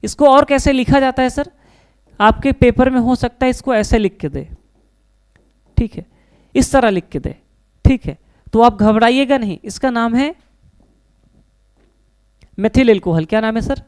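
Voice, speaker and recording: Clear-voiced man teaching a chemistry lecture. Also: sits high, a little mellow. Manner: asks questions and answers them himself, calls students child.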